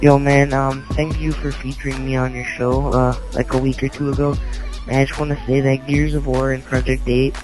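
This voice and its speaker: A man leaves a brash, hyped voicemail for a gaming podcast. His voice sits at an ordinary middle pitch. Faint music plays under the message. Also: level tone, brisk, rough recording. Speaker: caller leaving a voicemail.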